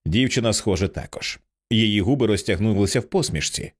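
A man narrating an audiobook with an expressive, dramatic reading. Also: lowish voice, a little fast, breathy edge.

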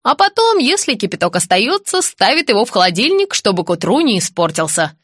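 A woman's voice: mid-range voice, very animated, fairly quick, fairly bright tone, dry recording. Woman narrator doing a mocking muttering student, dry close read. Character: sardonic young male student, grumbling.

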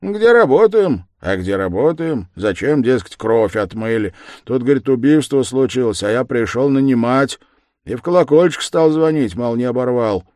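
An older workman chatters indignantly, his voice quick and lifting, as a male reader acts him out. The reading is lively in pitch and sounds dry. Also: no room sound, lightly acted.

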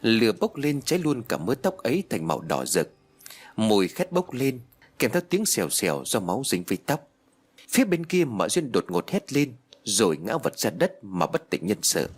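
Male audiobook narrator for a ghost story, husky and dramatic. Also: lowish voice, very animated, normal speed.

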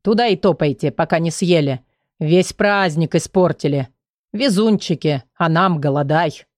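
A woman's voice: deep voice, normal speed, a little mellow, no echo, studio quality, voice pushed down, natural voice. A woman voicing a grumpy hungry goblin. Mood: grumbling.

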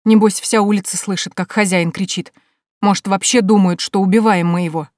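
A woman's voice: mid-range voice, steady tone, fairly quick, a little mellow, dry recording, studio quality, far from the mic, close to an everyday voice. A woman reading an audiobook, voicing an anxious, scolding woman cook worried about what the neighbors will say. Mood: fretful. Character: fretful middle-aged woman cook. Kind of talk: audiobook character voice.

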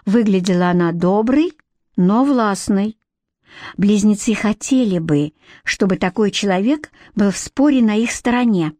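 A woman narrating a children's fantasy audiobook in an even, measured way. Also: medium pitch, dry recording, studio quality. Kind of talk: storybook narration.

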